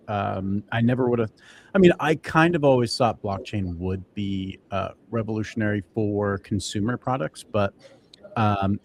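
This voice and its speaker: Low-voiced man, casual show host. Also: a little mellow, a little hiss or hum. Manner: loose, filler-heavy, halting restarts. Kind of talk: casual crypto show chat.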